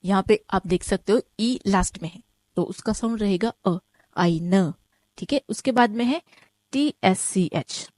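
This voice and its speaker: A woman teaching an online German lesson, explaining step by step, often checking with "ठीक है?", and saying each example word slowly twice. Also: mid-range voice, darkish tone, dry recording.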